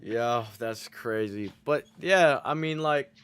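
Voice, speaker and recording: A man talks to his stream chat in a loose, rambling way. He is earnest and reflective, stacks filler words, and swears freely as he works through his points. His voice sits at an ordinary middle pitch for a man. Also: slow pace, fairly bright tone, clean tone. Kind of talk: casual motivational talk to chat.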